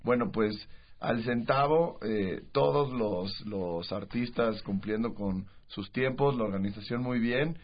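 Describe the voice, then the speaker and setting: Low husky Mexican radio co-host. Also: male voice, measured pace. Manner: rambling, many fillers and restarts. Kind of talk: casual radio chat. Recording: muffled radio broadcast.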